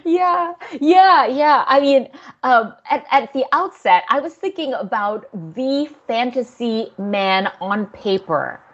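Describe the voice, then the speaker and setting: A woman's voice: sits high, animated, slow. Give me a thoughtful woman novelist from Singapore on a dull, lo-fi remote call. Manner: thoughtful, laughs often, many fillers. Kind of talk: conversational interview.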